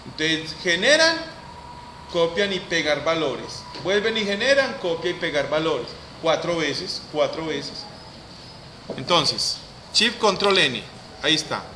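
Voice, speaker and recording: A man teaching a software lesson, repeating each step aloud as he works. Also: a little high, slight background noise, low-quality recording. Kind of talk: screen-recorded software lesson.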